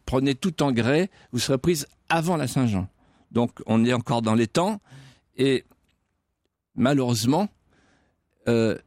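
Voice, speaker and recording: A man's voice: mid-range voice, darkish tone, no room sound, studio quality. A man, a guest historian on a radio show, telling history dramatically with rhetorical questions and repetitions. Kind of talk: dramatic storytelling in radio interview. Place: radio studio.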